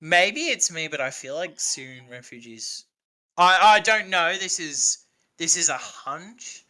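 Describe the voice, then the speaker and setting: Bright-voiced rambling Australian man. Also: fairly high pitch, lively intonation, unhurried, rough recording. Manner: rambling, hesitant, swears freely. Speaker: podcast host. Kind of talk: casual podcast chat.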